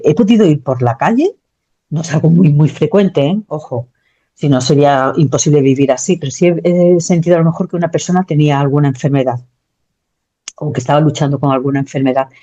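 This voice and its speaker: A woman's voice: low-pitched, fairly quick. A woman, telling her story as an interview guest, talking animatedly with frequent restarts. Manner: animated, many restarts and repetitions. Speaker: guest recounting a near-death experience. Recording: dull lo-fi sound.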